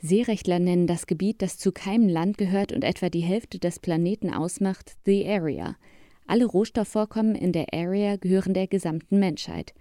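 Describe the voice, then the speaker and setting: Female narrator, scripted nature documentary delivery. Slightly low, warm timbre, close dry sound. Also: moderate pace, no echo. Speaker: narrator of a science report.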